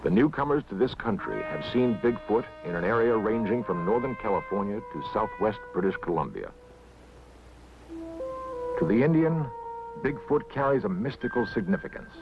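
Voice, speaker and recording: An American man narrating a nature documentary from a script in a measured, suspenseful, dramatic way. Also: lowish voice, expressive. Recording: dull vintage TV soundtrack, loud music behind. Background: loud background music.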